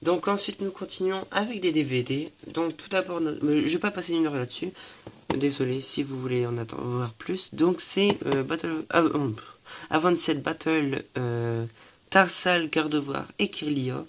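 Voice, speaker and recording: A young man from France walks through his collection in a casual show-and-tell, his voice sitting a little high. He talks hesitantly, fills gaps with small sounds, corrects himself often, and sounds slightly stuffy with allergies. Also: moderate pace. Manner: hesitant, many fillers and self-corrections. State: stuffy, coughing. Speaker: collector showing items.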